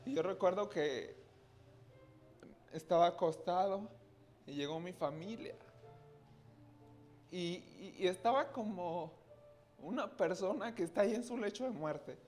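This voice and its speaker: A man's voice: sits high, measured pace, pauses often, a little mellow, faint music behind. A man giving a personal testimony to a congregation, earnest, often turning to his listeners directly. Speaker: church speaker giving testimony.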